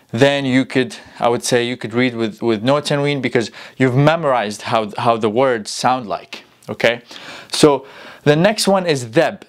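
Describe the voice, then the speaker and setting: A young man from Iraq with an Iraqi Arabic accent, teaching a casual language lesson to camera in a halting, explanatory way, repeating key words. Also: mid-range voice. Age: young adult. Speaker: language teacher and channel host. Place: small room indoors.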